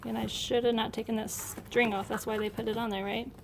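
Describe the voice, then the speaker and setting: A middle-aged homeschool vlogger narrates a casual unboxing in a room at home, sounding chatty, upbeat and enthusiastic. Her voice is fairly high and creaky, delivered a little fast and flatly, with background noise.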